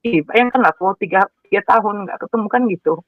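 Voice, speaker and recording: A woman telling her personal story with animated emotion, acting out what people said and repeating words as she goes. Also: mid-range voice, quick pace, dry recording. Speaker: guest sharing her conversion story. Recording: dry, tinny phone-like sound.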